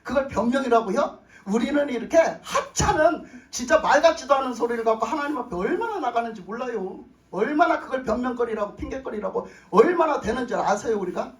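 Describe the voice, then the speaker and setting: Emphatic pastor, sermon, lively pitch, repeats lines, roomy church echo. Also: fairly quick. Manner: emphatic, repeats phrases, asks the congregation questions. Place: church sanctuary with congregation. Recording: roomy echo, voice far from mic.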